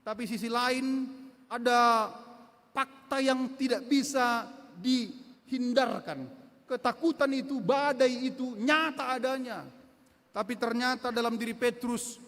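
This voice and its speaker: A male pastor with a very high voice delivers an emphatic sermon, hammering key words through repetition and voicing the lines of the people he quotes. His words ring out with a long church reverb. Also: a little slow, sharp tone. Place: church sanctuary.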